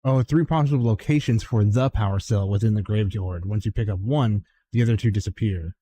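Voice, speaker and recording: A man's voice: fairly low pitch, fairly quick, dark tone, a little hiss or hum. A man streaming a video game, thinking aloud with wry remarks. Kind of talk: casual gameplay commentary.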